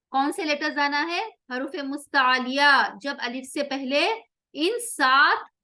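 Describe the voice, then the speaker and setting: A woman teaching Quran recitation rules, explaining patiently in Hindi with English words and slowly drilling example words again and again. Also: sits high, pushed and bright. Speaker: tajweed teacher.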